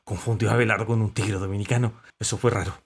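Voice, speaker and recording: A man voicing an eager, excitable male dog who talks loudly and insistently. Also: lowish voice, fast, breathy edge. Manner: loud and insistent.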